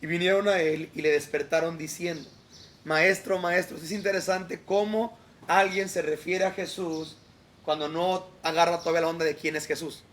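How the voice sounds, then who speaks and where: Mexican guy preaching by a lake, high pitched, talks casual and keeps asking "¿sí?", bit of background hiss. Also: steady tone, normal speed, a bit bright. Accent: Mexican Spanish. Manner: conversational preaching, often checking in with "¿sí?". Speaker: pastor. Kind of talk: outdoor devotional sermon. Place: outdoors beside a lake.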